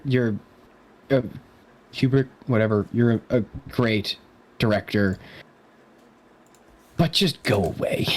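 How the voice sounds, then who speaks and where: A young man co-hosting a movie podcast, ranting in casual chat, sarcastic and exasperated. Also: medium pitch. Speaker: podcast co-host.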